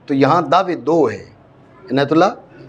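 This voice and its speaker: Guy teaching class, high voice, repeats stuff and keeps asking if you get it. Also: breathy edge, dull audio. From Pakistan. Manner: explains step by step, repeats points, checks understanding. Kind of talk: classroom lecture on Arabic grammar.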